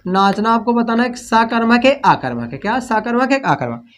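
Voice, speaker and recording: A man's voice: very high voice, expressive, a bit bright. A man teaching a grammar lesson, repeating key terms as questions and correcting himself as he writes on a board. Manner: repeats key terms as questions, slow and drawn out when dictating; self-corrects mid-sentence. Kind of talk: online classroom lesson.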